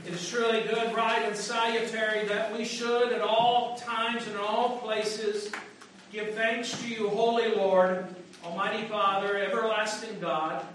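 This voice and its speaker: A pastor with a fairly high male voice intones prayers in a slow, solemn cadence. His words bloom into a huge cathedral echo, picked up by a mic set far from him. A faint hum of the room sits underneath. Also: level tone, fairly bright tone. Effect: large church echo. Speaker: pastor leading worship. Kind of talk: liturgical prayer and chant. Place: large church sanctuary. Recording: echoey church heard from afar.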